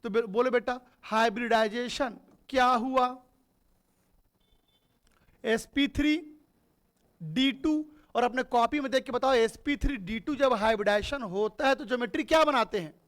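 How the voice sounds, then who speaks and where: A man's voice: extremely high pitch, normal speed, pauses often, fairly bright tone. A man teaching a chemistry class. He asks his students questions and answers them himself, calling them "beta". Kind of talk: classroom lecture.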